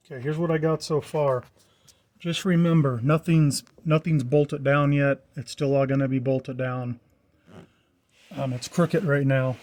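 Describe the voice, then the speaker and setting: A man with a mid-range, darkish voice gives an informal hands-on tour of the truck wiring he did himself, plainspoken and casual, noting things as he goes along.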